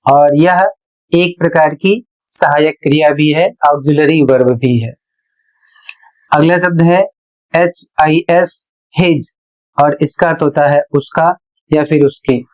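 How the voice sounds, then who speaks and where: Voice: medium pitch, poor audio. A teacher with a Hindi accent, giving a pronunciation lesson, spelling out words letter by letter and then reading them aloud. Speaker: English teacher.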